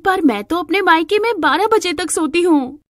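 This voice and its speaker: A woman's voice: extremely high pitch, animated, normal speed, dry recording, clean studio sound, voice pushed up. A woman voicing a spoiled, stubborn young bride who whines and demands. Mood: petulant. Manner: whiny and demanding.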